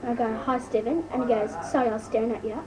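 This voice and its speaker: A woman's voice: on the high side, steady tone, rapid-fire, crowd noise, lightly acted. A woman doing an amateur comic impression of a bratty, gossipy Australian teenage schoolgirl "mole", telling embarrassed, slangy stories in a breathless drawl. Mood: mortified gossiping. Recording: noisy amateur recording, distant mic.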